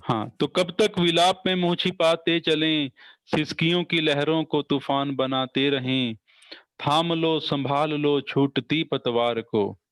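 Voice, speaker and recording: A male poet slowly reciting verse on a video call, repeating each line, while his voice keeps cutting out on a bad internet connection. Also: fairly high pitch, a bit bright, clean tone, dry recording, low-quality recording. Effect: breaking up over a bad internet connection.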